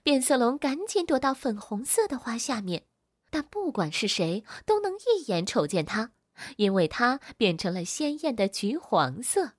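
A woman reading a children's storybook aloud in an expressive, animated way. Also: a little high, normal speed, no room sound, studio quality.

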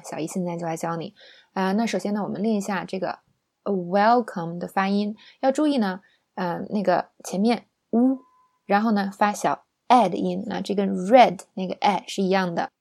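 A woman's voice: medium pitch, darkish tone. A young woman teaching an English lesson in a chatty, playful way, often asking her listeners rhetorical questions.

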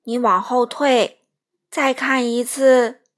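A woman voicing a lost baby whale, a huge and tearful young male creature who speaks slowly and loudly, drawing his words out. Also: fairly high pitch, steady tone. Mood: patient. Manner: slow, loud and drawn out.

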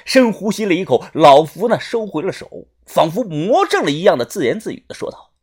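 Audiobook narrator, husky voice, very lively pitch, dramatic read. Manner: dramatic, with drawn-out particles. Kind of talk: audiobook storytelling.

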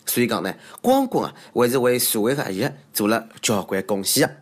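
A man's voice: mid-range voice, very animated, fairly quick, faint music behind. A man with a Shanghainese accent hosting a comic monologue in a self-mocking, exclamatory way with theatrical asides. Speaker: comedy show host. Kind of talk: comedic monologue on odd news.

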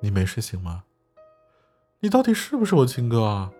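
A man voicing a teasing, quick-tempered young woman, the sister in a storybook, with faint music behind. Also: fairly even intonation. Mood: pleading. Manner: raises voice high and loud for her lines.

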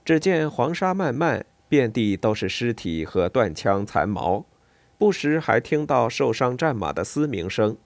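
Man telling a lively historical tale. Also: medium pitch, measured pace, no room sound. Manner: animated, dramatic storytelling. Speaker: storyteller. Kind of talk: scripted narration of a historical tale.

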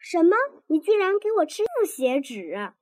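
A woman's voice: high voice, sing-song, normal speed, warm tone, no room sound, clean studio sound. A woman voicing a blunt, playful young husband in a storybook reading. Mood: teasing.

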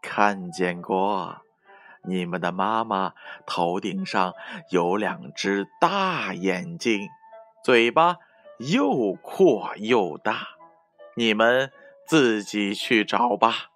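A man voicing a calm, helpful mother duck who speaks softly and deliberately, with faint music behind. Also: lowish voice, exaggerated voice.

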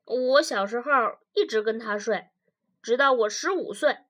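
A woman's voice: a little high, moderate pace, close to an everyday voice. A woman doing a blustering stubborn husband. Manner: loud, blustering, folksy. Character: stubborn blunt working-class husband, defensive.

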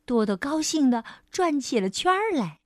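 Woman storyteller, high voice, lively melody, dry sound. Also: normal speed, dry recording. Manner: gentle, sing-song, addresses the child. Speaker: children's storyteller. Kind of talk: children's storybook reading.

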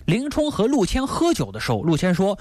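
A woman's voice: mid-range voice, brisk. Lady host telling an old story for laughs, voice jumping all over, slight hiss. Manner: animated narration with asides. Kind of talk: comic storytelling.

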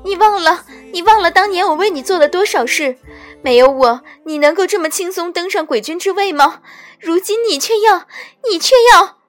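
Audiobook: a hysterical, shrill young ghost queen, very high and loud, put on by a woman reader. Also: moderate pace, faint music behind. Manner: hysterical pleading and screaming.

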